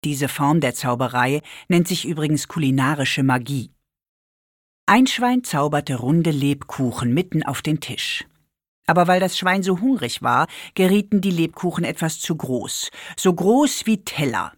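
A woman with a lively storytelling manner, reading a children's story aloud. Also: low-pitched, unhurried, dry recording, clean studio sound. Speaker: narrator.

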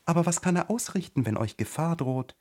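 A man's voice: fairly high pitch, lively intonation, brisk, mellow, pitched above the performer's own voice. A man reading a storybook and voicing a curious, polite young girl who speaks timidly.

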